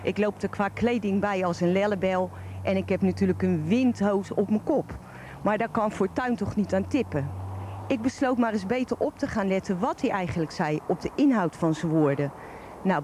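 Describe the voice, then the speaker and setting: A woman's voice: medium pitch, a little mellow. A middle-aged woman with a broad Rotterdam Dutch accent, reading an opinion column aloud in a blunt, colloquial, colourful manner. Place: outdoors on a park bench. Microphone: handheld microphone held close. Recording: faint outdoor background noise.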